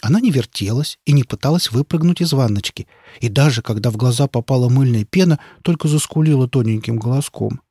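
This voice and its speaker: A man reading a children's story aloud with lively, expressive narration. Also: medium pitch, brisk, slightly rough, no room sound, clean studio sound.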